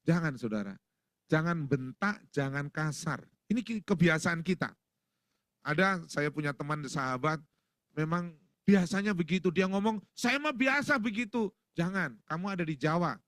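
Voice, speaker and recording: A man's voice: a little high, moderate pace, a bit bright, dry recording. A middle-aged male pastor preaching a sermon in a church, folksy and joking, acting out little household exchanges.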